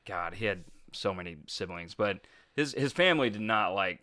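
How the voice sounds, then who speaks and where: A man's voice: fairly low pitch, lively intonation, normal speed, bright, forceful tone, no echo, clean studio sound. A man co-hosting a casual film history podcast, rambling through stories with frequent fillers and laughs. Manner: rambling storyteller, laughs often, many fillers. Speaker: podcast co-host.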